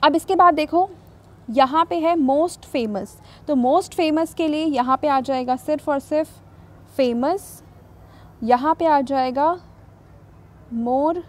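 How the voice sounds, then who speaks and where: High-pitched female teacher, patient and methodical, walks students through a worksheet. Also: a little mellow. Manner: patient, reads English rules slowly then explains; repeats "thik hai" to check understanding. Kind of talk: explaining a grammar worksheet.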